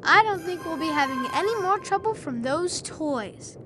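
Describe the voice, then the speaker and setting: A performer voices a brave, earnest, determined boy in a video game, sounding confident. The voice is extremely high-pitched and animated at a normal speed, with train noise behind.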